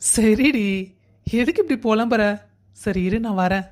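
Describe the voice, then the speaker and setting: A woman voicing a young, busy husband who coaxes and gently scolds his wife. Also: on the high side, expressive, unhurried. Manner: coaxing, affectionate scolding.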